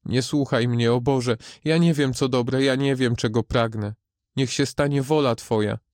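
A man's voice: mid-range voice, steady tone, normal speed, darkish tone, dry recording, studio quality, natural voice. A man voicing a grieving young mother who pleads with Death in a raised voice, reading a storybook aloud. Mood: praying.

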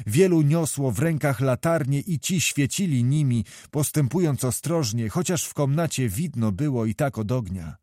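A man's voice: mid-range voice, expressive, normal speed, few pauses, dark tone, dry recording, clean studio sound. Man narrating a historical novel. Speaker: audiobook reader.

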